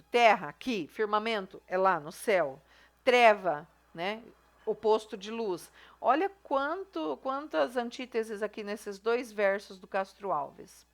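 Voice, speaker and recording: A woman teacher explaining a review lesson in a chatty way, often checking in with her students. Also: mid-range voice. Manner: chatty, explaining step by step with frequent "tá?" and "né?". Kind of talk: recorded class review lesson.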